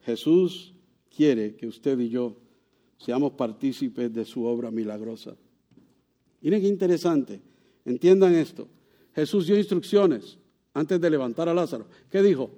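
A man giving a sermon as pastor, asking rhetorical questions and swinging from loud, high passages to soft, low ones. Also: lively intonation, unhurried.

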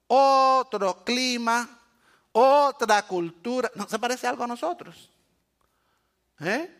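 High, bright-voiced preacher man. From Cuba. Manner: animated storyteller, acts out quotes, asks "eh?" often. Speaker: pastor. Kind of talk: sermon.

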